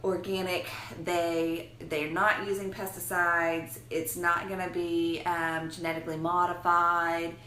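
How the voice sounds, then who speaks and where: A woman chatting casually to her viewers in an animated, playful, self-mocking way, with exaggerated exasperation. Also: lowish voice, unhurried, hardly any pauses. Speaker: vlogger giving a food and shopping talk. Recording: roomy echo, faint background noise.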